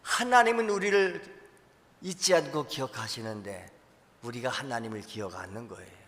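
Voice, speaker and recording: A man's voice: medium pitch, lively intonation, normal speed, in a large hall. Emphatic male pastor preaching. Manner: emphatic, swings between loud cries and quiet. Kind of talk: sermon. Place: church sanctuary.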